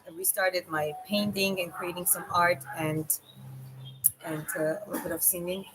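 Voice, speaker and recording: A woman with a Georgian accent chats casually as a live streamer, thinking aloud in a halting way. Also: on the low side, steady tone. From Georgia (country). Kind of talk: casual livestream chat. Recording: clear background noise.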